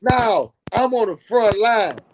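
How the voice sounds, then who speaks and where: This earnest Dallas, Texas man has a drawl and a voice fairly high for a man, delivered slowly and expressively with a bit of hiss or hum. In a casual live chat he preaches his point, driving it home by repeating lines.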